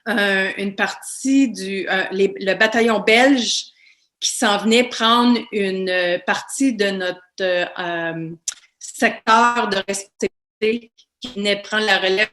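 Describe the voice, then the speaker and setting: A woman's voice: mid-range voice, takes it slowly, fairly bright tone. A woman, a veteran giving a casual online presentation full of fillers and restarts over a video call. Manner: anecdotal, many fillers and restarts.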